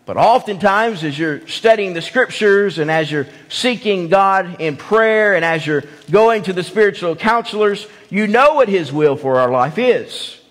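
Pastor, male, high-pitched, emphatic sermon delivery in a long-reverb sanctuary. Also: lively intonation, a little slow, hardly any pauses, a bit bright. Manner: emphatic, repeats key phrases, asks the congregation questions. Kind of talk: evening sermon. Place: church sanctuary.

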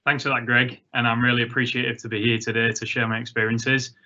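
A man's voice: medium pitch, level tone, fast, pushed and bright. A man from England, introducing himself as a professor on a panel over a video call, with a few hesitant fillers. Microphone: video call webcam. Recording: muffled video-call audio.

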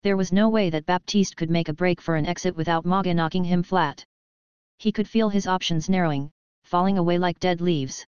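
Low-voiced woman reading a story. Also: fairly quick, a little mellow, clean tone, no room sound, lo-fi sound. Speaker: narrator. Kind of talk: scripted narration.

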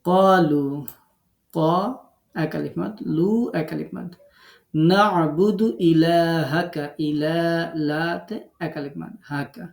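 A man's voice: fairly high pitch, fairly even intonation, a little slow, gravelly, darkish tone, roomy sound. A man from Bangladesh teaching an online tajweed lesson as a Quran recitation teacher. He breaks words into syllables and draws out the recited sounds.

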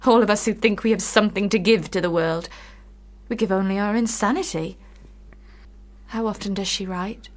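An actress in a radio play portrays a passionate, bitter, lovelorn young woman, her delivery intense, literary and theatrical, with a scornful edge. Her voice is medium-pitched, close to everyday speech, at normal speed with fairly even intonation.

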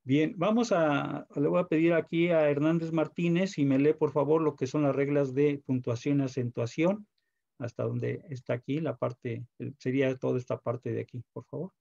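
Male Mexican teacher, patient lecturer, gravelly, lo-fi video call sound. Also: on the high side, steady tone, normal speed, warm tone. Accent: Mexican Spanish. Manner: patient, asks checking questions. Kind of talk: online class lecture. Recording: dull video call audio.

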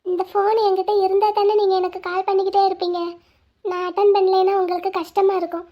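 A woman's voice: very high-pitched, level tone, quick pace. A woman voicing a poor, proud young woman in a cartoon drama, sad and resolute. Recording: dull lo-fi audio.

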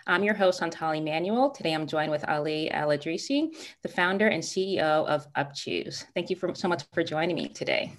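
A woman's voice: deep voice, animated, brisk. A woman in her thirties hosting a podcast interview over a video call, upbeat and encouraging. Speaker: podcast host. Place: indoors, plain wall behind. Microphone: webcam on a video call.

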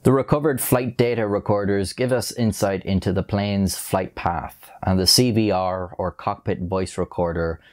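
A young man with a very low voice narrates from a script in a measured, grave way. He speaks into a lapel mic on a dark studio set, telling the story steadily. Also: fairly even intonation. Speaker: documentary narrator.

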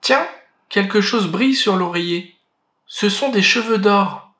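Small whiny bear cub, voiced by a male reader, high little voice, storybook, echoey room. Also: unhurried, bright, forceful tone. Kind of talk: storybook read-aloud. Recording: roomy echo.

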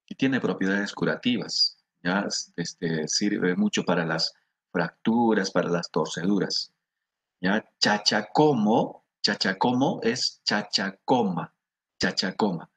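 A middle-aged man with a Peruvian Spanish accent teaching a class, slowly repeating words for students to echo. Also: on the low side, a bit bright, husky. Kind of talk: classroom lesson.

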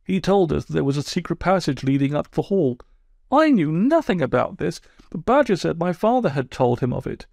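A proud but easily wounded toad, high and whiny, sulking through every complaint as a man reads him. The voice has a gravelly edge and is recorded dry and close. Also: sing-song, brisk, a little mellow, no room sound. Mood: aggrieved. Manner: sulky, wounded, plaintive. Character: self-pitying, touchy male toad, proud.

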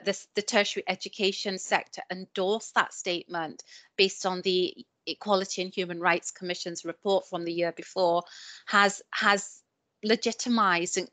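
A woman's voice: medium pitch, no echo. A woman speaking earnestly as a panelist in a webinar discussion on a video call from home. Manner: earnest, steady, repeats words at starts.

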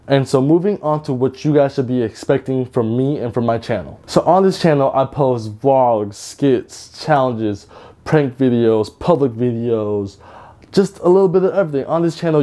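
The voice is medium-pitched with a dark tone, belonging to a twenty-something YouTuber from Georgia, USA. He's in a bedroom with lit shelves, introducing his channel to camera in a cheerful, chatty way full of slang and repetition.

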